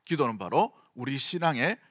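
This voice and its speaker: A man's voice: medium pitch, sing-song, normal speed, a bit bright, dry recording, studio quality. A middle-aged man with a Gyeongsang accent preaching a sermon in a conversational way, often asking the congregation questions. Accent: Gyeongsang Korean. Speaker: senior pastor.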